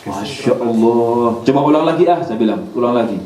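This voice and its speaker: A man giving a religious study talk, an animated storyteller who acts out dialogue and jumps high in pitch when quoting others. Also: very fast. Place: community hall in Germany. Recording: echoey room, speaker far from mic, faint hiss.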